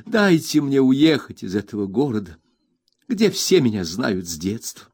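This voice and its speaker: A man's voice: mid-range voice, big pitch swings, a little slow, a little mellow, breathy edge, dry recording, clean studio sound, full character voice. A man voicing a desperate young woman who begs to be let go. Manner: desperate, trembling pleading. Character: desperate young woman begging to leave town.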